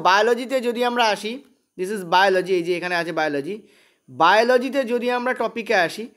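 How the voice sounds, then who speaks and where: A teacher with a West Bengal Bengali accent giving an online exam-prep lesson, talking briskly, checking in with "okay?" and slipping English terms into sentences. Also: mid-range voice. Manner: thinks aloud while checking notes.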